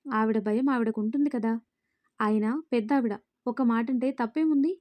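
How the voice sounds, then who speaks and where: A woman's voice: a little high, moderate pace, a little mellow, no room sound, lightly acted. A woman reading a stern, short-tempered young boss. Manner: commanding, scolding.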